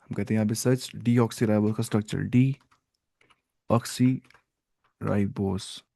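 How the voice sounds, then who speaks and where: A man teaching biology in an online lecture, mixing Hindi and English, slowly explaining and asking questions he answers himself. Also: lowish voice, flat delivery, dark tone. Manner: asks the class questions and answers them himself, repeats "ठीक है"; slow, stop-start explaining with fillers.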